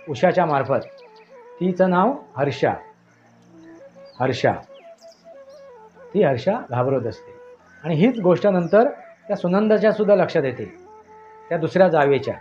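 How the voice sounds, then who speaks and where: A man's voice: high-pitched, warm tone. A man narrating a horror story in a dramatic style, with emphatic, repetitive phrasing. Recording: dull lo-fi audio with faint music.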